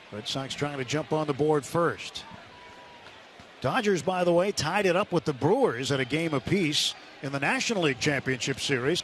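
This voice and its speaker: Live baseball play-by-play on the radio comes from a fairly high-pitched man in a stadium broadcast booth. Behind him, the outdoor ballpark is loud and noisy.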